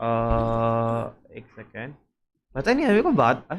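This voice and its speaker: Slow-talking Indian streamer, young man. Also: medium pitch, big pitch swings, clean tone. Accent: Indian English. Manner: mixes Hindi and English, rambling, restarts often. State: struggling to speak smoothly. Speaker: game streamer. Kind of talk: casual live-stream chat. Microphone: headset taken off.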